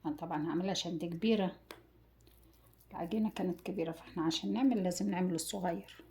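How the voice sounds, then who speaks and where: A woman with an Egyptian accent hosting a casual home cooking demonstration, gently guiding viewers step by step and calling them her dears. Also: fairly low pitch, racing, a little hiss or hum. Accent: Egyptian Arabic. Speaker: cooking channel host.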